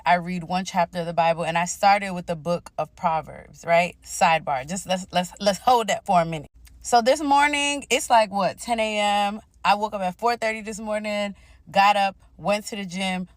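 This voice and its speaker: A woman vlogger talks casually in a mid-pitched voice with a slight retainer lisp. She is sassy, emphatic and slangy, and the sound is dry and close. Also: dry recording. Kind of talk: casual, animated vlog chat.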